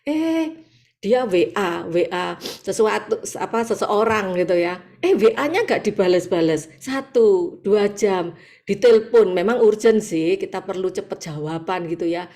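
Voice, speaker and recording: Woman preacher, East Javanese accent, animated sermon on a video call, mid-pitched. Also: unhurried. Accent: East Javanese Indonesian. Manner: lively, acts out quoted voices, laughs often. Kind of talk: sermon at an online morning prayer meeting. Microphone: video call audio.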